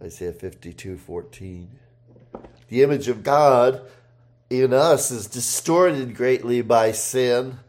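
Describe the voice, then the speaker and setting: A man preaching a sermon, reading scripture aloud and rising in voice for the quoted shouts. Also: medium pitch. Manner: slow, deliberate delivery with pauses and fillers.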